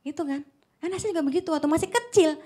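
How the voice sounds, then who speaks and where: A woman preaching a conversational church sermon, speaking directly to the congregation and often checking in with a quick "ya". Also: very high voice, mellow. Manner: chatty, keeps checking in with "ya", addresses the congregation directly.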